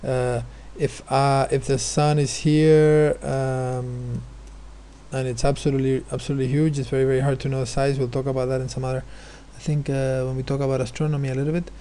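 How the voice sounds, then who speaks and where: A man's voice: medium pitch, little pitch movement, a little fast, dark tone. A male teacher explaining physics exam questions, hesitant, with many fillers and restarts. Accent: non-American, his remark says so.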